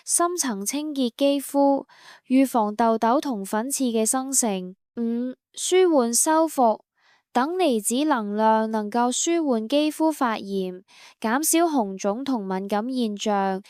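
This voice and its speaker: A woman reading a scripted instructional voice-over for a beauty salon, in an even, promotional step-by-step manner. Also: on the high side, clear, resonant tone, no room sound, clean studio sound.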